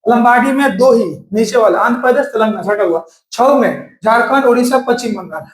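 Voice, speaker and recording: A male coaching teacher giving a mnemonic exam lesson, slowly repeating and drilling lists. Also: very high-pitched. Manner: repetitive drilling of lists, slow emphatic recaps. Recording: echoey room.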